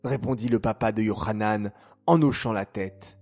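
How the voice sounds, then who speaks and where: A man narrating a children's story slowly and gently, speaking directly to young listeners. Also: fairly low pitch, faint music behind. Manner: slow, gentle, addresses children.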